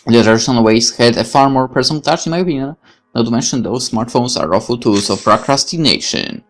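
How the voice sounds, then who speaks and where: A woman with a bass voice reads a visual novel aloud fairly quickly as a let's player. She frequently breaks off with blunt, opinionated commentary, exclamatory in tone and swearing freely.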